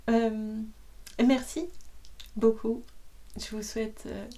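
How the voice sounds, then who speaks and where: A woman who reads books aloud, chatting casually at the end of a reading, soft and rambling, sometimes slipping into whispers, at home. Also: on the high side, level tone, slow pace. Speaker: audiobook reader. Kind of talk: casual closing chat.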